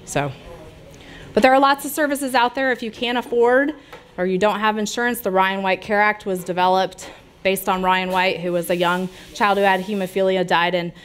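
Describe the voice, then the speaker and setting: In a small lounge with brick walls, a middle-aged American woman chats informally about public health and responds to questions from her seated audience, gesturing freely. Her voice is mid-range and steady at a normal speed, with slight background noise.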